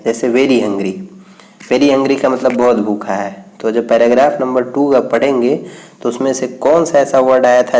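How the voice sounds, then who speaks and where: A male teacher goes through an English reading exercise, reading each English line slowly before explaining it. His voice is mid-range with a darkish tone.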